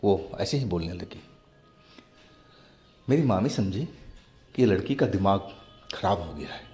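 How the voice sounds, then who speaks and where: Slow, low-voiced man telling a horror story. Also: expressive, a little mellow. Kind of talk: scripted horror narration. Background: faint background music.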